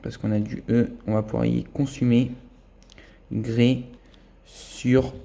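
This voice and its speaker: A man's voice: medium pitch, little pitch movement, takes it slowly, creaky, dark tone. A man giving a casual running commentary as he scratches lottery tickets, thinking aloud as he checks each symbol and letter. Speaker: scratch-card vlogger.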